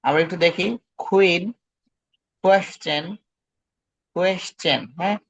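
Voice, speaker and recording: A man's voice: high-pitched, fairly even intonation, normal speed, a bit bright, no echo. A male English teacher, leading an online pronunciation drill and patiently repeating words for students. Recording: dull lo-fi online call audio.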